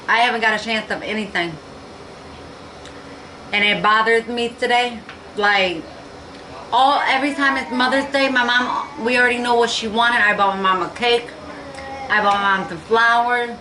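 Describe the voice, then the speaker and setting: A woman's voice: on the high side, fairly even intonation, bright, forceful tone. Tearful woman in an echoey room. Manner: halting, tearful, repeating herself. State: near tears. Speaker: vlogger. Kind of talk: emotional personal vlog. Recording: echoey room with faint noise.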